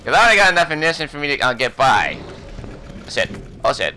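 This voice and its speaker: A man commenting on his own gameplay, swearing a lot and yelping and shouting whenever he panics. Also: on the high side, quick pace, slight background noise. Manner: excitable, profane, yelps and shouts in panic. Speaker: let's play host.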